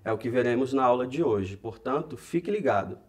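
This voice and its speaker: Man from Brazil, teacher, husky voice, clear step-by-step explanation, talks straight to viewers. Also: mid-range voice, expressive, brisk, a little mellow. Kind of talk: recorded classroom lesson. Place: educational studio.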